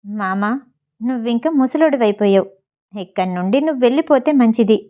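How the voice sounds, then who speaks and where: A woman's voice: a little high, animated, fairly quick, mellow, lightly acted. Woman voicing a scornful arrogant young gang boss. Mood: mocking. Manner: scornful, defiant.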